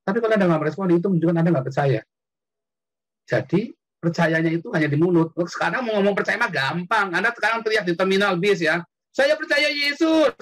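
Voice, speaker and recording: Animated husky man preaching online. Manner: animated, jumps high when quoting or shouting. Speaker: preacher hosting an online call-in. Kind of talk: casual preaching. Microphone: computer mic on an online call.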